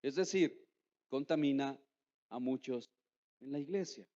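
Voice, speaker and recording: A man preaching a sermon as pastor, putting questions to his listeners and slowing down to stress key words. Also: mid-range voice, warm tone. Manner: emphatic, asks the congregation rhetorical questions. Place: church. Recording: echoey hall, dull lo-fi sound.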